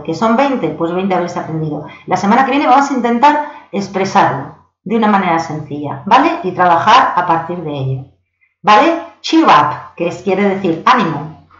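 Spanish woman, English teacher, patient online lesson, roomy echo, dull lo-fi sound. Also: fairly low pitch. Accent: Spanish from Spain. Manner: patient, slows down to read example sentences; checks in with learners often. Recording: echoey, dull lo-fi home recording.

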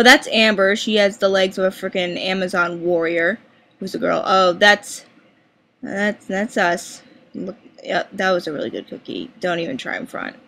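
A woman's voice: mid-range voice, a bit bright. A young woman vlogger chatting casually and bubbly, with lots of filler words. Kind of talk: casual chat.

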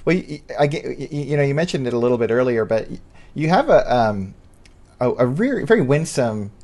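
A man hosting an interview podcast, asking long, halting questions and searching for words with many ums. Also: medium pitch, big pitch swings, darkish tone. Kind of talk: casual interview conversation.

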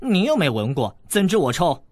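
A man's voice: fairly high pitch, huge pitch swings, normal speed, darkish tone, dry recording, voice pushed up. A man voicing a cheeky, boastful teenage boy who teases crudely, in an audiobook. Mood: brash teasing.

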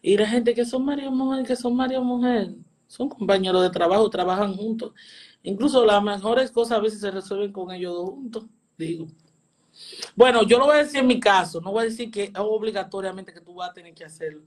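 A woman's voice: mid-range voice, brisk, a little mellow. A woman, a spiritual teacher telling a personal testimony and earnestly repeating phrases for emphasis.

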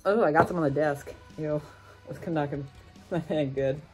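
A woman's voice: sits low, moderate pace, over music, low-quality recording. A woman in her thirties talking casually to camera in a wry, unpolished way as she does a food challenge. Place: furnished room at home, indoors. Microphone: camera on the desk, about arm's length.

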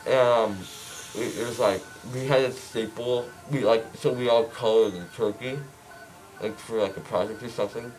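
A man's voice: medium pitch, fairly even intonation, moderate pace, darkish tone, faint music behind. A teenage boy chatting casually and ramblingly after wisdom teeth removal, muffled by gauze in a numb mouth. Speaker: patient just out of wisdom teeth surgery. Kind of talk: casual chat. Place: small dental clinic room. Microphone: phone held close by someone else.

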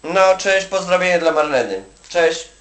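His voice sits high and is animated and fairly bright, at a measured pace, as a man from Poland rambles colloquially on the phone, full of "you know" tags. A migrant worker, he's advising an acquaintance in a casual one-sided chat, recorded far from the mic in an echoey room.

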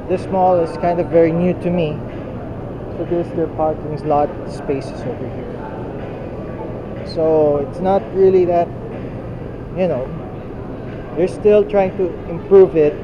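A man in his thirties filming a casual walking vlog in a large indoor mall, narrating in a rambling, slightly halting way into a handheld camera. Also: a little high, background noise. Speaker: vlogger. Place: large indoor shopping mall, nearly empty. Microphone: action camera held at arm's length. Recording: muffled camera audio with loud mall ambience.

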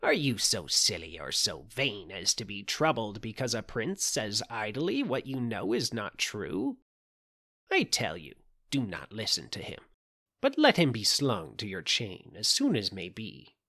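A man voicing a croaking, scheming old witch in an audiobook fairy tale, giving sly warnings. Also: on the low side, wildly swooping pitch, measured pace, sharp tone, exaggerated voice. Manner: warning, coaxing.

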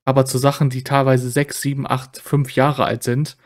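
A man's voice: medium pitch, flat delivery, normal speed. A man streaming commentary on clips in a casual, sarcastic, rambling way.

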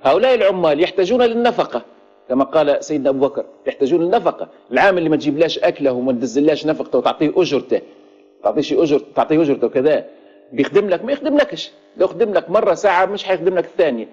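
Male Libyan preacher, conversational lesson delivery, rapid-fire with a raspy edge. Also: fairly high pitch, lively intonation, darkish tone. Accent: Libyan Arabic. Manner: conversational preaching with rhetorical questions. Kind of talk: religious lesson. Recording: dull lo-fi recording.

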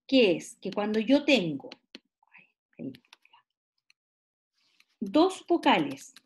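A woman's voice: mid-range voice, big pitch swings. A middle-aged woman, giving a classroom lecture. She explains step by step, drawing out example words and checking in with her listeners. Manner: explains slowly, stretches example words, asks rhetorical checks. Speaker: teacher.

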